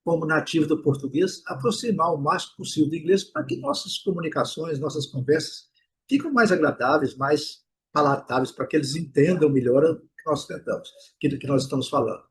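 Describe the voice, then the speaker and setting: A Brazilian man teaching English pronunciation in an online lesson, explaining patiently and repeating each word slowly to drill it. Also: a little high, expressive, slightly rough, rough recording. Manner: drills words by slow repetition; explanatory, with rhetorical check-ins.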